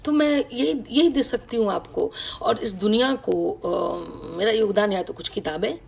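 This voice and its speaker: A middle-aged woman, a writer, recalling her past in a reflective, personal talk on a video call, with many pauses and fillers. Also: medium pitch, gravelly, a little mellow, husky. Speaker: writer speaking to an online audience. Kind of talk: personal reminiscence, casual talk.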